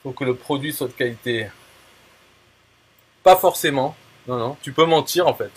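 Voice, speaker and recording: A mid-range male voice with a breathy edge moves at a moderate pace as he talks casually to a viewer. The speaker, an affiliate marketer, is blunt and uses plenty of fillers, restarts and crude slang.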